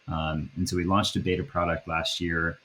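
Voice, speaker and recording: A man in his thirties from the Boston area, talking casually as a podcast guest, with a relaxed, chatty flow and many fillers. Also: deep voice, normal speed, slight background noise. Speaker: guest, app founder. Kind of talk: casual interview chat.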